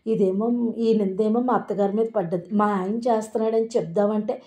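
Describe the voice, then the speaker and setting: A woman's voice: mid-range voice, fairly even intonation, normal speed, mellow, natural voice. A woman voicing a timid young wife who frets and mutters to herself. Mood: fretful. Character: timid young wife afraid of her husband.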